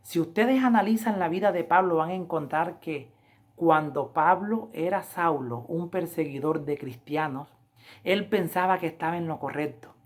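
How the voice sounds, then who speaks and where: A woman preaching a Bible lesson review, with emphatic, repetitive appeals to her listeners, slowing down to read scripture. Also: fairly low pitch. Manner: slows down to read scripture aloud. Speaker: Adventist Bible lesson teacher.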